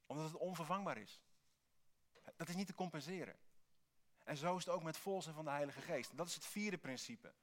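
A man preaching a sermon in Dutch, earnest, with bursts of lively emphasis. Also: fairly high pitch, a little fast, long pauses. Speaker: pastor.

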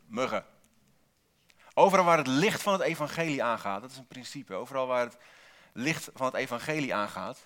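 A man's voice: medium pitch, a bit bright. A man preaching a sermon in a church, posing rhetorical questions and repeating single key words for emphasis, with dry asides to the congregation.

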